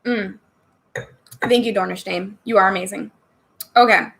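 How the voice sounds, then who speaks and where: A woman's voice: medium pitch, fairly even intonation, moderate pace, gravelly, fairly bright tone. A woman hosting a casual livestream, chatting with viewers and answering their questions with frequent laughter while sipping wine. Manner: giggly, chatty, laughs often between answers; sips wine on stream and jokes about getting tipsy. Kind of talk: casual live chat.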